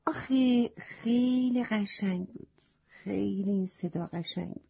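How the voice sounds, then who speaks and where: A woman's voice: mid-range voice, gravelly, a little mellow, breathy edge. A woman voicing a curious, polite little boy in a children's story, asking wondering questions, on a slightly muffled recording.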